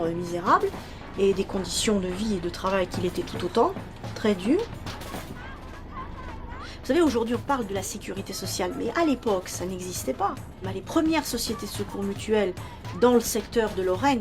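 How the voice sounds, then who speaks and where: A woman answering interview questions, explaining in detail and often searching for words. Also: on the high side. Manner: searching for words, restarting phrases.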